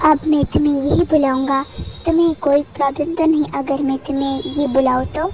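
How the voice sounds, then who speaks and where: A woman's voice: sits high, steady tone, fairly quick, lightly acted, poor audio. Woman voicing a bossy, doting male professor. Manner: teasing and bossy, softening into doting. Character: rude, possessive male college professor and principal. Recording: music playing under the voice.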